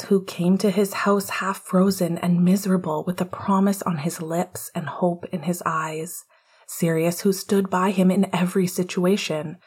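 A podfic reader, a woman with a lowish, husky, breathy voice, reads fiction aloud as scripted narration in a soft, gentle storytelling manner.

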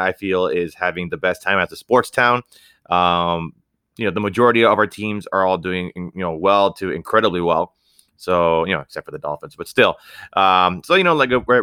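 A man's voice: sits low, bright, forceful tone, clean tone, dry recording, studio quality. A young man hosting a casual podcast chat in a joking, laid-back way. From United States. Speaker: podcast host.

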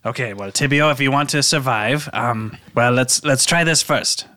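A man playing a tabletop game in character, giving instructions in halting, formal phrasing. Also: mid-range voice, sharp tone. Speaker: player. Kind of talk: in-character tabletop role-play.

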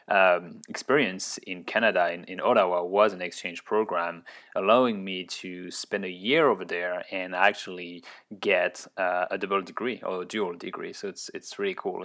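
A man's voice: sits low, gravelly, a bit bright. A man in his thirties with a French accent, a company founder speaking as a guest in a casual interview, with frequent restarts and fillers. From France. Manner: hesitant, many restarts and fillers.

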